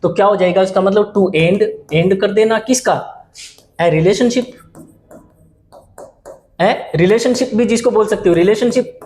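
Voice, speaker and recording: A man's voice: sits high, a little slow, pauses often, darkish tone, echoey room, slight background noise. A male English teacher giving an exam-prep vocabulary lesson, explaining in Hindi with English terms and often repeating words and checking "okay?" with students.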